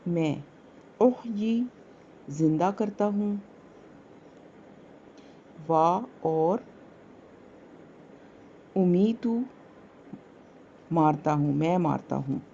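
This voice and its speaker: Slow, low-voiced woman teacher. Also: creaky, warm tone, lo-fi sound, a little hiss or hum. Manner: slow, repeats each word and its meaning. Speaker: Quran teacher. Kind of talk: word-by-word translation lesson.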